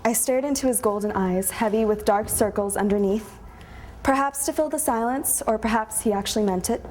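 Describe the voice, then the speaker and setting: A young woman reading a personal story aloud to a live audience at a conference, measured and reflective. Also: on the high side, darkish tone, slight background noise. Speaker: student storyteller. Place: conference room before an audience.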